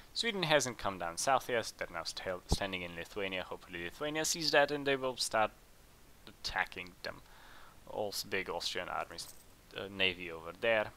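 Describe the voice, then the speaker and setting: A man hosting a let's play, chatting casually and thinking aloud as he plays, with bursts of excitement in tense moments. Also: low voice, gravelly, a little hiss or hum. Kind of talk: casual game commentary.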